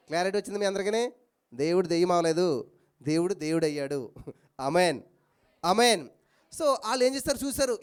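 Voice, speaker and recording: A man preaching a sermon in a lively call-and-response way, quizzing his listeners and breaking into loud hallelujahs. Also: sits high, clear, resonant tone.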